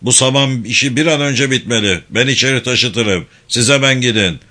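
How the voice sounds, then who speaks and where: A man voicing a brisk army captain who gives orders loudly in a storybook reading. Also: medium pitch. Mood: commanding. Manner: commanding, brisk.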